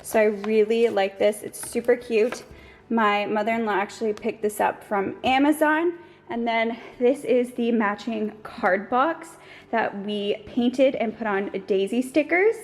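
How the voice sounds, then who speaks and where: A woman's voice: fairly high pitch, unhurried, echoey room. A young woman vlogging at home in a chatty, bubbly way, a little out of breath. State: slightly out of breath. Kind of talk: casual vlog talk to camera. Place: family house indoors.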